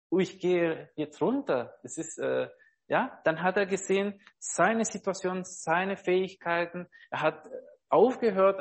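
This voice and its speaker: Earnest man preaching haltingly. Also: high-pitched. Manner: halting, searching for words, many fillers; earnest, often asks listeners "ja?". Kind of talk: informal devotional preaching.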